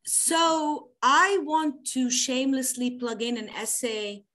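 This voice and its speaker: Brief: woman poet, bright-ish higher voice, lively and chatty, speaks over a video call. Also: slow pace. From Lebanon. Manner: animated, laughs easily, thinks aloud. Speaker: poet guest. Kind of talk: conversational interview answers.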